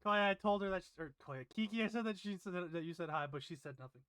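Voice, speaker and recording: A man running a tabletop game on a live stream as game master, energetic, scattered and swearing. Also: sits high, fast, clear, resonant tone, dry recording, clean studio sound.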